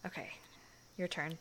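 A young woman plays a shy, sweet churchgoing girlfriend in an intimate audio roleplay, speaking softly with hushed, hesitant phrasing and giggling often. A slight hiss or hum is audible.

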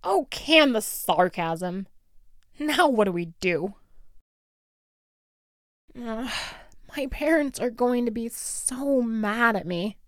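A snarky school bully girl, acted by a woman in an audio role-play. Her voice runs fairly high and swoops widely as she drawls out sarcastic taunts. The delivery is slow and theatrical, hot-tempered with a grudging soft side. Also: animated, no echo, studio quality. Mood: exasperated, flustered.

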